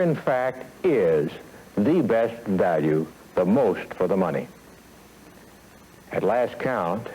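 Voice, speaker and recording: Heard on a 1970s film soundtrack with highs cut off and slight background noise, a mellow, medium-pitched American executive delivers a scripted sales training lecture. He speaks formally and measuredly, with emphatic phrasing and deliberate pauses.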